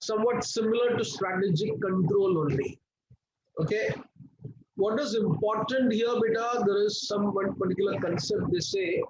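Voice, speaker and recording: A high-pitched male teacher with an Indian accent lectures an online class. He coaxes his students along, often checking their attention and posing questions that he answers himself. The audio is dull and lo-fi, with faint noise. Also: darkish tone. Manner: coaxing, checks attention, asks and answers own questions, drops into Hindi.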